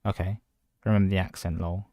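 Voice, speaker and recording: A man's voice: low-pitched, little pitch movement, fairly quick, mellow, no echo. A man casually chatting on a livestream from home, rambling between topics and greeting viewers by name. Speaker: livestreaming gamer.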